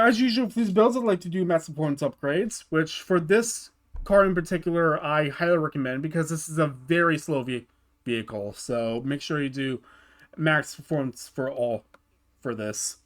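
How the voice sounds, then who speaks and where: A man hosting his gaming channel, talking through a car build in a casual tutorial voice-over, often stopping to restart and repeat words. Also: on the high side.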